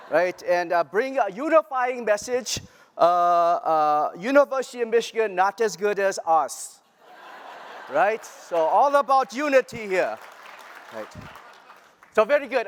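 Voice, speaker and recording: A man's voice: high-pitched, a little hiss or hum. Mr. Miyagi, put on by a man on stage. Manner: halting, clipped broken-English phrasing. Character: old male martial-arts mentor, broken English. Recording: reverberant lecture hall.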